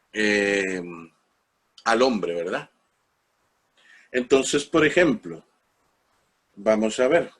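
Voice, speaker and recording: A man with a Costa Rican accent giving an informal parish-school lecture, explaining patiently with frequent fillers and spelling out words letter by letter. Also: mid-range voice. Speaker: parish formation teacher.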